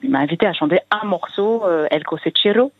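A woman musician calling in to a radio show, speaking in an articulate, measured way with some fillers. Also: lowish voice, lively intonation, no echo. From Marseille. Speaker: caller, musician and singer. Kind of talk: phone-in radio conversation. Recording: tinny phone line.

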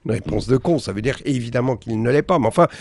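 Gravelly sardonic male radio columnist. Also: medium pitch, quick pace. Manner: sardonic, indignant, mocking. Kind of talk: satirical morning opinion column.

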